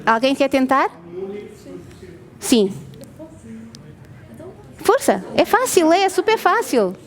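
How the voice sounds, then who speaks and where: Woman, European Portuguese accent, high voice, researcher giving an explanatory talk, quizzes listeners. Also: big pitch swings, slow. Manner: asks the audience questions, checks with "ok?". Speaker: researcher presenting a lab.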